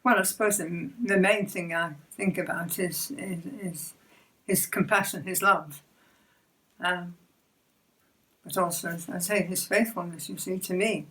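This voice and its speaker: An older woman telling her personal faith story in a hesitant, gentle way, often repeating words and giving soft laughs. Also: lowish voice, a little slow, far from the mic, rough recording. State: emotional near the end. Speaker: church member sharing testimony.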